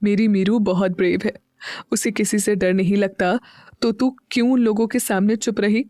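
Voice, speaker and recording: A man's voice: sits high, fairly even intonation, moderate pace, no echo, studio quality, natural voice. Woman voicing a tender protective older brother. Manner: gentle and tender, turning firm. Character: young man, protective loving older brother.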